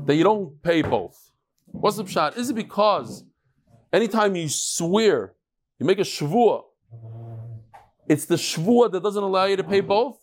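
A mature man, a rabbi teaching a Talmud class in an informal, conversational way, posing questions and answering them himself. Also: sits high. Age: middle-aged or older. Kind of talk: informal lecture with chatty asides.

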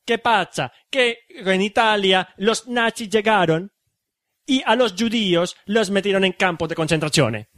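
A man hosts a casual talk show, explaining things with lots of "eh" and restarts. His voice sits a little high, and the recording is close and dry. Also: measured pace, fairly bright tone, no echo. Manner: explains plot with many fillers and restarts. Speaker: podcast host. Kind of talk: casual chat about a film.

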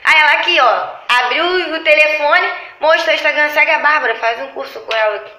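A woman in casual chat, telling animated stories about her lash clients and acting out their lines. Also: sits high, a little fast. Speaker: lash artist. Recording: echoey room.

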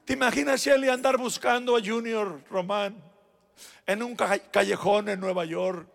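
A man preaching a sermon as pastor in a church, turning from shouted exhortation to quiet, personal words to his flock. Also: high-pitched, fairly even intonation, normal speed, gravelly. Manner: swings between shouted exhortation and quiet, intimate asides; addresses the congregation directly and personally. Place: church sanctuary.

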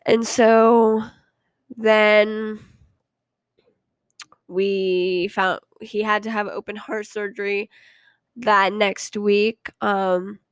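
A woman's voice: mid-range voice, level tone, very slow, long pauses, clean tone, dry recording, clean studio sound. A young woman hosting a podcast, telling her own story in a rambling, hesitant, confiding way with frequent ums. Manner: earnest and confiding. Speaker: podcast host. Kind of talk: casual personal storytelling.

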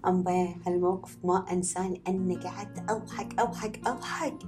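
A woman with a Gulf Arabic accent, a photographer guest telling her stories in a casual, animated podcast chat. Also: fairly low pitch, fast, soft background music. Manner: animated storyteller, laughs often. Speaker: guest, wedding and event photographer.

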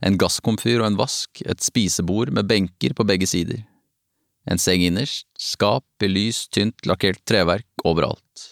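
Guy reading an audiobook, lowish voice, dead dry studio sound. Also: gravelly, no echo. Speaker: audiobook narrator. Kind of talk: first-person novel narration.

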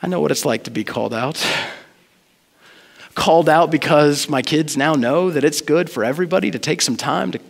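A man's voice: on the high side, normal speed, creaky. A man preaching a sermon in a church, telling personal stories in an earnest, conversational way. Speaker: pastor. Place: church sanctuary. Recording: long reverb of a large hall.

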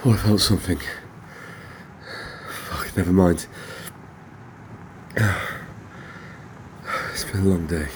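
An actor playing a weary, conflicted debt-collecting enforcer, terse and reluctantly tough in a naturalistic drama. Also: male voice, moderate pace, lightly acted. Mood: weary, subdued. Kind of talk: naturalistic screen drama acting. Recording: noisy ambience with vehicle rumble.

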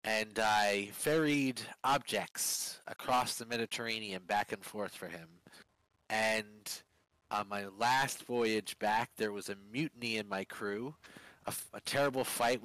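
A man playing a halting young vampire prisoner. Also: fairly low pitch, steady tone, fairly bright tone, no echo, rough recording. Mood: wary. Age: young adult. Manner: hesitant, halting, trailing off. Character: young male vampire prisoner, former sailor, evasive. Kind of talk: tabletop role-play in character.

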